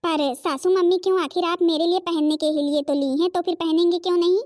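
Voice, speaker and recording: Woman doing a naive young cartoon daughter-in-law, eager, loud, high, dry sound. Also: fairly even intonation, quick pace, no echo.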